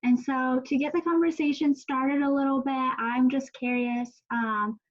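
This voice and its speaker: A woman's voice: high-pitched, fairly even intonation, measured pace. A woman moderating a panel discussion, inviting speakers to share. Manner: encouraging, inviting questions. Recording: dull lo-fi sound.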